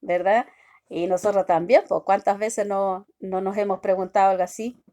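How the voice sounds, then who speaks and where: A woman giving a devotional sermon, talking haltingly with many restarts and constant questions tagged to her listeners. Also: mid-range voice, steady tone, warm tone. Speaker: preacher.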